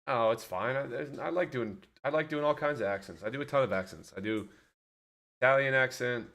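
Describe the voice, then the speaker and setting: A man hosts a casual livestream, chatting in a loose, rambling way and speaking directly to his viewers. His mid-range voice is fairly bright and his delivery brisk.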